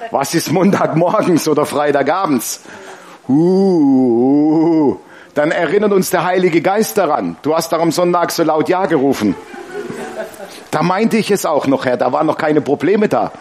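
A man preaches a lively sermon. He tells stories with laughter and keeps drawing the congregation in with questions. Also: fairly high pitch, unhurried. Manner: lively storytelling with laughs and congregation call-and-response. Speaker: pastor.

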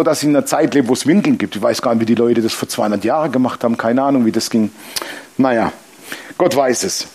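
Ein älterer Mann, der als Pastor lebhaft und humorvoll predigt und dabei Bibelverse vorliest. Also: male voice, medium pitch, breathy edge. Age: older. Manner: lively, humorous preaching with Bible reading aloud. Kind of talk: sermon.

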